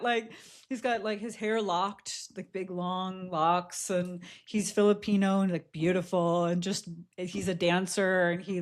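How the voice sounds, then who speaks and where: A woman co-hosting a podcast, telling a personal story in a candid, reflective way, with frequent laughs and fillers. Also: medium pitch. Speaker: podcast co-host. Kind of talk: casual chat, personal storytelling.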